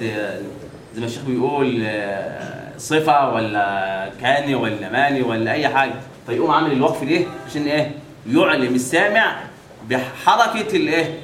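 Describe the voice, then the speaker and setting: A man with an Egyptian accent teaching Quran recitation to a class, asking questions again and again and drawing out the words he demonstrates slowly. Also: medium pitch, fairly bright tone. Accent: Egyptian Arabic. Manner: quizzes the class with repeated questions and drawn-out recited examples. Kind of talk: classroom tajweed lesson. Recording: echoey room, mic at a distance, faint background hiss.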